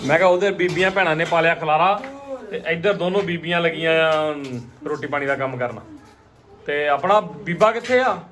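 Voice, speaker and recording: A man's voice: a little high, normal speed, a bit bright. A man with a Punjabi accent chatting casually and teasingly on a family vlog, often repeating himself. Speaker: family vlogger. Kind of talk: casual home vlog chat. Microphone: phone held by the speaker. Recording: noisy handheld home recording.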